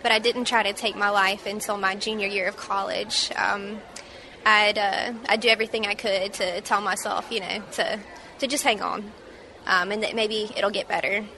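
A woman in her twenties from Mississippi recounting a personal story in an interview, halting and reflective with many fillers. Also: mid-range voice, steady tone, bright, forceful tone, slight background noise. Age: 20s. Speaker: interview guest.

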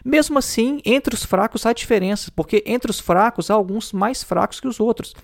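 High-voiced man explaining theory. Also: moderate pace, creaky. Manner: thinks aloud, many fillers and tag questions. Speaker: teacher. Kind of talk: explaining philosophy in a lecture.

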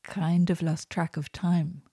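Woman reading a soft-spoken young woman. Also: sits low, normal speed, breathy edge, no echo, clean studio sound.

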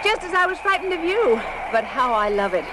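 A woman's voice: very high voice, very animated, a little fast, very noisy. An actress playing a bold, romantic young female reporter in a 1940s radio drama, breathless and gushing. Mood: adoring.

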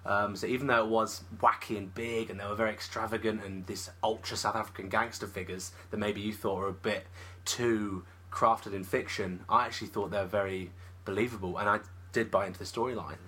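A man's voice: on the low side, fairly even intonation, brisk, few pauses, pushed and bright, breathy edge. A man co-hosting a film podcast, talking eagerly and thinking aloud in casual chat. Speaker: podcast co-host, film reviewer.

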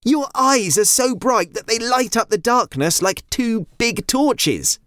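A man voicing an excited, kind young girl in a much higher voice than his own. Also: slow, dry recording, clean studio sound, heavily acted.

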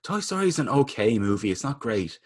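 A man's voice: medium pitch, sing-song, fairly quick, husky, no room sound, clean studio sound. A man co-hosting a podcast, chatting casually and rambling with opinions and fillers. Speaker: podcast co-host. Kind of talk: casual chat.

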